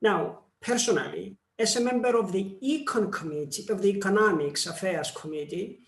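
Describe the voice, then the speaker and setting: A Greek-accented member of parliament delivers a formal seminar speech, slow and measured, with pauses. His voice is high and the sound is reverberant.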